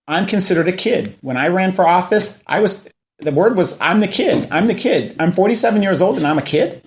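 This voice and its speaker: The host of a local news show, a man in his forties, rants casually about politics while throwing out rhetorical questions. His voice sits high and sounds animated, moving a little fast.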